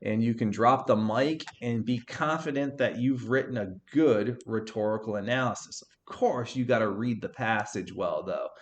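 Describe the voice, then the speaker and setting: A man's voice: medium pitch, moderate pace, hardly any pauses. A man teaching a writing workshop to students, talking energetically and checking in with frequent "right?" tags.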